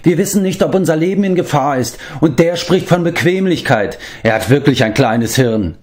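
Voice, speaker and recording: A man voicing a boastful, hot-tempered male bard who talks in an excitable, blustering way. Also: on the high side, moderate pace, pitched above the performer's own voice, natural voice. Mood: grumbling.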